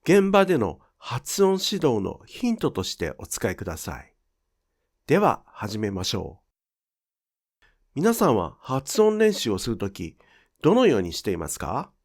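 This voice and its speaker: Male lesson narrator, clear and measured, very animated intonation. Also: mid-range voice. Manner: clear, measured explanatory delivery. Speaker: Japanese pronunciation teacher. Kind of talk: scripted instructional narration.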